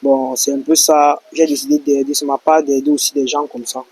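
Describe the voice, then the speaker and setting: Male video host, middle pitch, calm and reassuring, speaks straight to the audience. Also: a little fast, husky, poor audio. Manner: reassuring, talks straight to viewers. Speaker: YouTube channel host. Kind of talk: interview and address to viewers.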